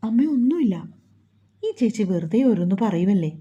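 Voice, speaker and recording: A woman voicing a young grieving new mother, talking softly with tearful reassurance. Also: mid-range voice, expressive, normal speed, breathy edge, highs cut off. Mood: reassuring.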